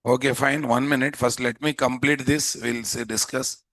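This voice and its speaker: A man with a Telugu Indian accent teaching a live software class, informally thinking aloud and repeatedly putting questions to students. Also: mid-range voice, steady tone, moderate pace, dry recording. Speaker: programming instructor.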